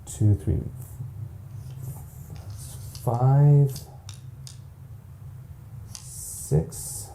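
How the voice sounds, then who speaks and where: A man's voice: medium pitch, extremely slow, pauses often, dark tone, a little hiss or hum. A man narrating a solo board game campaign, counting dice aloud in a chatty, self-mocking way. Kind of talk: casual play-through narration.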